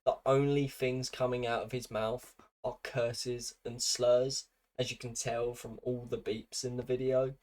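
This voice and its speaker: A man's voice: mid-range voice, little pitch movement, unhurried, hardly any pauses, darkish tone. A British man narrating a commentary video in a dry, mocking way, with scripted sardonic remarks.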